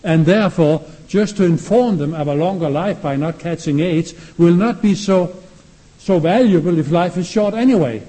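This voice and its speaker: A Danish man lectures in English, his second language, with a Danish accent and a steady classroom pace. His warm, mellow voice sits a little high for a man, and he keeps posing questions to the room. The recording is rough.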